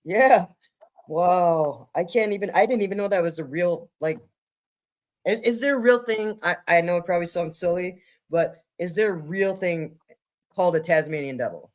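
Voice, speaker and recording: Giggly woman co-host, casual chat in quick bursts, plenty of fillers. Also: fairly low pitch. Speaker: livestream co-host.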